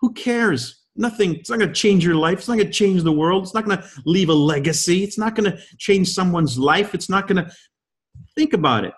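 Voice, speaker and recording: An animated man in his fifties with a high-sitting voice talks a little fast. Guest-hosting a leadership call, he gives a motivational speech crowded with emphatic rhetorical questions.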